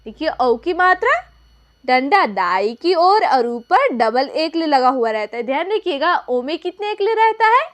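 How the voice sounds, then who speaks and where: A young woman with a high voice teaches a lesson to her viewers. She poses questions and answers them herself, repeating each point so it sticks. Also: sing-song, measured pace. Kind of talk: classroom lesson.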